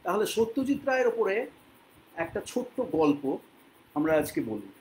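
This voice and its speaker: A man from Bengal teaching English to learners, speaking patiently and repeating words slowly so they can copy them. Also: sits high, sing-song, noisy background. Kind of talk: spoken English lesson in Bengali.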